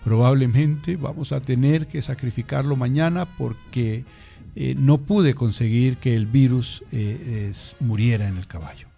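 A man voicing an adult male veterinarian who speaks in a measured, grave way. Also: mid-range voice, vocal fry, mellow, faint music behind.

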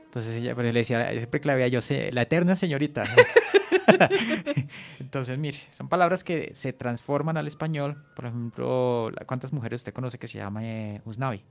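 A man hosting a casual radio chat, jokey and talkative, often trailing off into quiet asides. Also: mid-range voice, fairly even intonation, moderate pace, gravelly, faint music behind. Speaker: radio host.

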